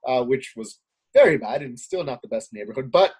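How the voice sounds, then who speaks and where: A man's voice: medium pitch, expressive, a little fast, a little mellow, husky. A man from Queens, a talk show guest who talks casually with many fillers and rising indignation. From Queens, New York. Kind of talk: political talk show chat.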